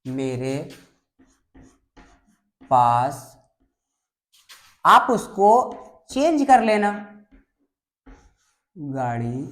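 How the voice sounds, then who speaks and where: Slow, patient woman teacher. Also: rumbling low, sing-song. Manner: patient, addresses students as "babu"; repeats and drills English sentence patterns. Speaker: English teacher. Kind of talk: classroom grammar lesson.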